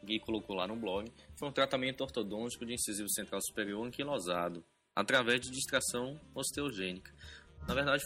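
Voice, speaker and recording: Brazilian male podcast host. Low voice, informal explanatory delivery over faint music. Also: fairly bright tone. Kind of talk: informal news review monologue.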